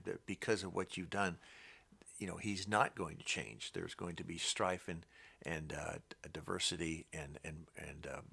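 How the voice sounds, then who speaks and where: A man reading the Bible aloud and commenting on it, talking in a halting, rambling way with many restarts. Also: low-pitched, vocal fry, a bit bright. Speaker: Bible teacher.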